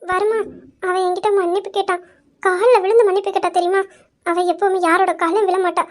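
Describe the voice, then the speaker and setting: A woman's voice: very high voice, little pitch movement, brisk. A woman voicing a sweet-talking young wife in an amateur family drama, pleading, coaxing and teasing her husband.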